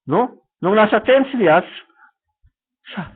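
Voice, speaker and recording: During a church service, a man with a very high, animated, slightly rough voice preaches a sermon, mixing Tagalog with English and tacking quick tag questions onto his points. The audio sounds thin and phone-like, as if captured from a live stream.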